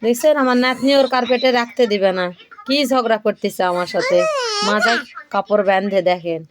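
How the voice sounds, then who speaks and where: A woman's voice: mid-range voice, a little fast, heavy background noise. Chatty older woman showing a home recipe. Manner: chatty, keeps checking the viewer follows. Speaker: home cooking vlogger. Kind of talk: casual cooking demonstration.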